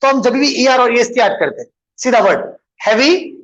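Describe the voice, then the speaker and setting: A man's voice: very high-pitched, animated, moderate pace, a bit bright, lo-fi sound, a little hiss or hum. A man teaching an English grammar lesson, switching between English and Hindustani and answering his own questions as he goes. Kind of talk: bilingual classroom lesson.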